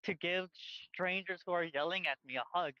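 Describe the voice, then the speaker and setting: Rambling high-voiced man on a lo-fi line. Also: moderate pace, over a noisy crowd. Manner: rambling, many fillers and restarts. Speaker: podcast co-host. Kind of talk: casual chat. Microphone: headphones on, outdoors by a busy street.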